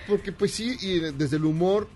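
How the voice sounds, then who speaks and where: A man hosting a casual interview chat, asking questions in halting, searching phrases with restarts. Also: high-pitched, darkish tone, faint music behind. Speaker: show host.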